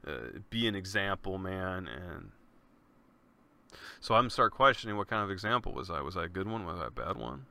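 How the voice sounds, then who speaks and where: Bright-voiced laid-back podcast guy. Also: lowish voice. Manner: laid-back, earnest, peppers speech with "man" and swearing. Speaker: podcast host. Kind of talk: casual solo podcast monologue.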